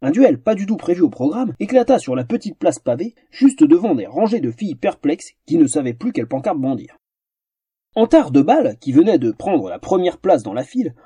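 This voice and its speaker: A man narrating a fantasy story in a theatrical, animated audiobook style. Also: fairly high pitch, breathy edge, no echo.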